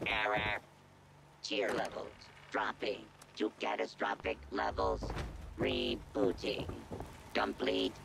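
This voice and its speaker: Give me a gravelly holiday robot rebooting after an error. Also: male voice, on the low side, slow, background noise, full character voice. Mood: malfunctioning. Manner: flat programmed announcer delivery. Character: glitching male holiday cheer robot rebooting. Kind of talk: video game character dialogue.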